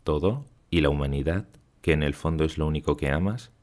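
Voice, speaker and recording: A man voicing a wise, gentle young woman in an audiobook, reading in a solemn, measured way. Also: extremely low pitch. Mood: surprised.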